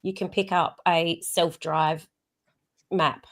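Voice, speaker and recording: A woman co-hosting a casual online chat, her voice croaky and hoarse tonight, talking bluntly and teasing the others. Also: fairly low pitch, steady tone, slow pace, fairly bright tone. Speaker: co-host. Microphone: video call.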